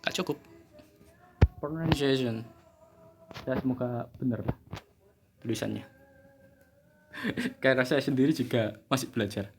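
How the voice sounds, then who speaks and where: A man's voice: mid-range voice, unhurried, long pauses, a little hiss or hum. A man, teaching a casual English lesson, chatty and joking at his own expense. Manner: chatty, joking, laughs at himself.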